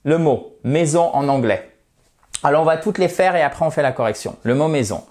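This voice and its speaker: A man's voice: on the high side, animated, brisk, darkish tone. Male teacher, casual online lesson, chatty, reassuring, friendly asides. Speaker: English teacher.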